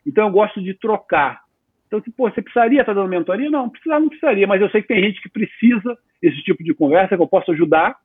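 A man in his fifties, a guest entrepreneur, talking in a casual, animated way with lots of slang in an interview. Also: high-pitched, very fast, breathy edge, dry recording. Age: 50s. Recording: tinny phone-like line.

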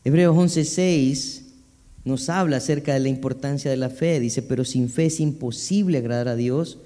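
A man's voice: medium pitch, moderate pace, mellow. A man preaching a sermon as pastor, reading scripture aloud and then explaining it with asides to the congregation. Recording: long reverb of a hall.

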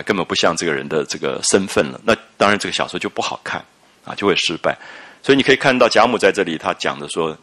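Deep-voiced older man lecturing on literature. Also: a bit bright. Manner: reflective, with many drawn-out "啊" fillers. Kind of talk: lecture on a classic novel.

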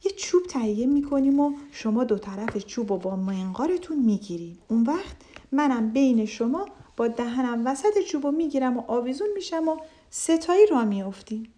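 Woman narrator doing a fretful storybook turtle, earnest, warm-toned. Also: a little high, expressive, lightly acted. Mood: eager. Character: anxious, thoughtful pond turtle.

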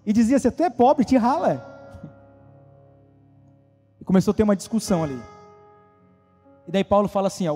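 A male preacher gives a casual, slangy sermon to young people and acts out the voices of the people he quotes. His voice sits high and mellow. It rings with long reverb in a church hall, with soft instrumental music underneath.

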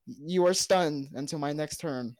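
A woman's voice: deep voice, unhurried, a little mellow, no echo. A woman playing in a tabletop game, talking bluntly with casual swearing and a few stumbles. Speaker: player.

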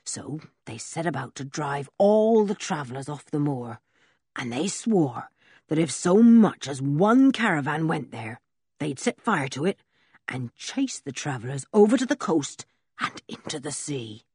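A woman voicing an old male village blacksmith who tells a story slowly and in a rustic way, with a husky voice. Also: deep voice, sing-song, darkish tone, dry recording, studio quality, full character voice. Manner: slow, drawn-out, rustic storytelling. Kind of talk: audiobook character reading.

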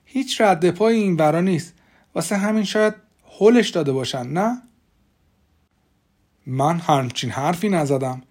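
A man voicing a calm, methodical small-town sheriff in an audiobook, matter-of-fact in his speech. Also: fairly high pitch, long pauses, voice pushed up, lightly acted.

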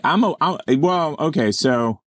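A man hosting a casual comedy chat, playful and quick to break into goofy voices. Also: fairly high pitch, lively intonation, no echo, studio quality. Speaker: show host.

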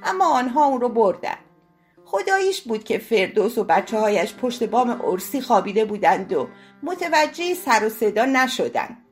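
Expressive woman reading a novel aloud. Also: fairly high pitch, soft background music. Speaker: audiobook reader. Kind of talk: scripted narration.

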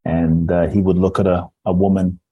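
A man's voice: low-pitched, level tone, normal speed, breathy edge, no room sound, highs cut off. A man from Ghana who grew up in London, a transformational teacher, speaking earnestly and measuredly as a podcast guest with frequent restarts. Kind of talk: reflective podcast storytelling.

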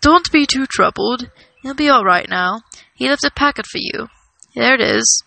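A woman reading the part of a calm, wise old male wizard, giving measured advice. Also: a little high, creaky, no room sound, exaggerated voice, low-quality recording.

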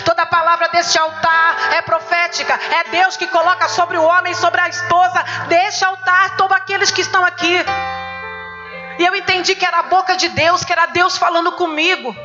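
A woman's voice: extremely high pitch, level tone, moderate pace. A middle-aged woman with a Brazilian Portuguese accent giving a church testimony, telling her story vividly, acting out dialogue and exhorting the congregation. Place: church service. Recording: muffled recording with music behind.

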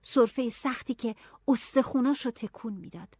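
A woman narrating a novel in an expressive audiobook style, dropping to hushed tones and rising to anxious cries. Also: a little high, husky, no room sound, clean studio sound.

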